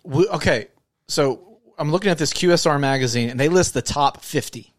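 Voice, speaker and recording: A man's voice: a little high, moderate pace, no echo, clean studio sound. A man co-hosting a podcast in natural, unscripted talk, joking and speaking straight to the listeners. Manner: jokey, addresses listeners directly. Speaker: podcast co-host.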